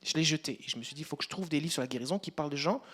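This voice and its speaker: A man preaching a sermon, telling a personal story and addressing the congregation directly, turning loud and emphatic at times. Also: fairly high pitch, rapid-fire. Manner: rises to loud emphatic passages.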